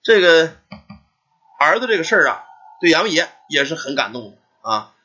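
Lively husky male storyteller. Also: a little high, moderate pace. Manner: lively, chatty storytelling with fillers and asides. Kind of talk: oral folk storytelling. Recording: dull lo-fi recording.

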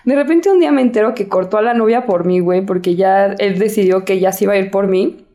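A woman's voice: mid-range voice, quick pace, dark tone. A young woman with a Mexican accent, telling a story bluntly and full of slang, often laughing. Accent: Mexican Spanish. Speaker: podcast co-host. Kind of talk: casual chat, storytelling.

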